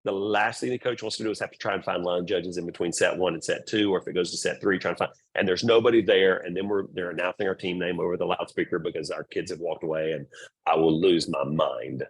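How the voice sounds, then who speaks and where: A man's voice: low-pitched, fairly even intonation, fast talker, breathy edge. A middle-aged man presenting to volleyball parents, blunt and repetitive, acting out quoted remarks. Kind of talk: parent orientation talk.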